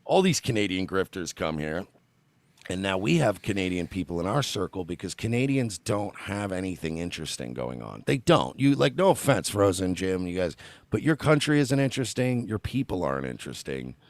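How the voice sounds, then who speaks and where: A man's voice: sits low, sing-song, a little fast, no room sound. A man co-hosting a podcast, talking in crude, mocking banter and laughing often. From United States. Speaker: podcast co-host. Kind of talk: casual banter.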